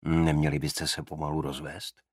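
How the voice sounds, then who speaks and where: A man's voice: very deep voice, flat delivery, breathy edge, no echo. A man voicing a wry, teasing male detective in an audiobook, speaking with dry humour. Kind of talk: audiobook character voice.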